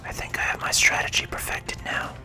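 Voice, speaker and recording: Close to the microphone, an ASMR gaming host whispers soothing, encouraging commentary to viewers in a breathy voice. The pace is a little fast, and music plays underneath.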